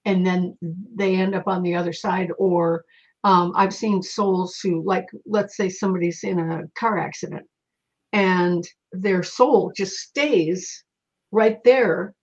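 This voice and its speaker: A woman's voice: lowish voice, fairly even intonation, slow pace, breathy edge. A woman who is a psychic guest in an interview, telling stories animatedly, with frequent fillers and restarts. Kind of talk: conversational storytelling. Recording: dull lo-fi recording.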